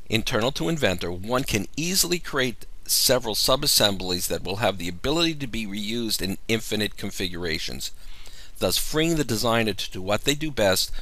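Male tutorial narrator, low and crisp, walks through the steps calmly over a close mic. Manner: measured, explanatory walkthrough. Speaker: software demonstrator. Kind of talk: screen-recorded software tutorial.

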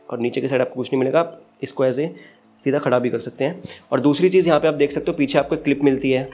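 In a mid-range, slightly mellow voice, a man with an Indian accent hosts his channel's unboxing review. He keeps it casual and explains things step by step.

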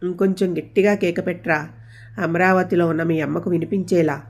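A woman voicing a gentle, joking middle-aged father who teases his daughters in a storybook reading. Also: lowish voice, fairly even intonation, brisk, dull audio. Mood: teasing. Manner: teasing, dry humor.

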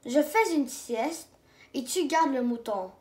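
A woman's voice: high voice, lively intonation, takes it slowly, darkish tone. A woman reading a storybook aloud, voicing a playful male shepherd in a children's show who announces things theatrically. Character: friendly stage shepherd, man, playful. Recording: roomy echo.

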